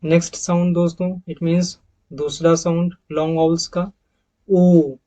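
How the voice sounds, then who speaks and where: A man teaching English pronunciation over slides, repeating each example word slowly and calling his viewers friends. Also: a little high, little pitch movement, a little mellow, low-quality recording. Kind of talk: slide-based pronunciation lesson.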